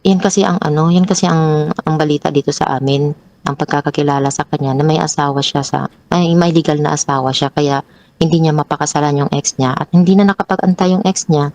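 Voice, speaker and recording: Halting woman telling a personal story. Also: fairly even intonation, a little mellow, poor audio. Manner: hesitant, halting with many restarts; pitches up sharply when reliving an argument. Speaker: guest sharing a personal story.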